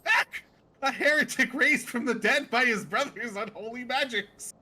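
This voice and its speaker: Woman doing a pompous dramatic gentleman detective, grand exclamations, bright voice. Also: on the high side, normal speed, pitched above the performer's own voice.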